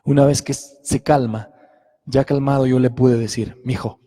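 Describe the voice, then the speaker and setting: A man's voice: medium pitch, fairly even intonation, unhurried, dark tone, long reverb tail. A middle-aged man preaching a sermon, telling a personal story earnestly and checking in with listeners often.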